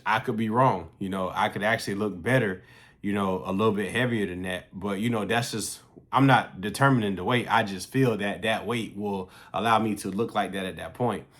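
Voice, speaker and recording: A man's voice: fairly low pitch, a bit bright. A man in his late thirties talking casually to camera in a fitness vlog, loose and slangy with plenty of swearing. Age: 30s. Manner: loose, profane, slangy and conversational. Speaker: fitness vlogger.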